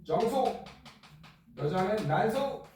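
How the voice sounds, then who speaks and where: A middle-aged male teacher lecturing a class in a joking, blunt way and firing quick questions at students. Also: sits high, lively intonation, a little mellow, slight background noise. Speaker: middle school science teacher. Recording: echoey classroom from far off.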